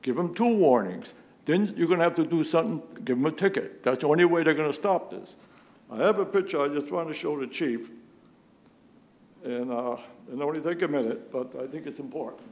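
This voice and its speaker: Guy at a town meeting mic, kinda high voice, keeps pushing his point. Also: fairly quick, darkish tone. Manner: insistent, repeats rhetorical questions. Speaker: resident speaking at public comment. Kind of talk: public comment at a town meeting. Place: town police commission meeting room.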